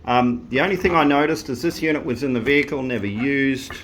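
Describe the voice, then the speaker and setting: In a mid-range, fairly bright voice that runs a little fast, a man casually walks the camera through his vehicle intercom install. He's plain-spoken and rambly with many restarts, and there's slight background noise.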